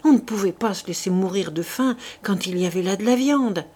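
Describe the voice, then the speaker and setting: A woman reading a classic novel aloud as an audiobook, measured and deliberate. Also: medium pitch, darkish tone, breathy edge. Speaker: audiobook reader. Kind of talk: literary audiobook narration.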